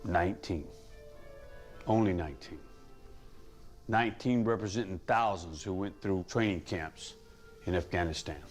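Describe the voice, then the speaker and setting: A man, a former intelligence official, speaks gravely and emphatically in a documentary interview. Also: deep voice, a little slow, long pauses, faint music behind.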